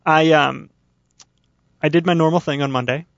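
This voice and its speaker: A man's voice: fairly high pitch, steady tone, normal speed, creaky, no echo, dull audio. A man hosting a casual radio talk show, chatty and self-mocking as he tells a story in a studio. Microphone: studio microphone.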